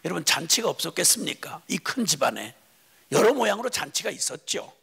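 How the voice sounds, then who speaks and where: A man's voice: a little high, very animated, a little fast, gravelly, pushed and bright, slightly rough. A man preaching an impassioned sermon, emphatic and full of rhetorical questions.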